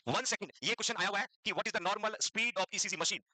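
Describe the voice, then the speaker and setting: A man's voice: high voice, normal speed, bright, forceful tone, no room sound, rough recording. A man teaching a classroom lecture for nursing exam students, mixing English terms into his Hindi, repeating key points and quizzing the class.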